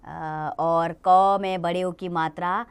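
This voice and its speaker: Her voice sits on the low side, steady, clear and smooth, as this teacher leads a grammar lesson for young children. She goes slowly and patiently, frequently asking the children questions.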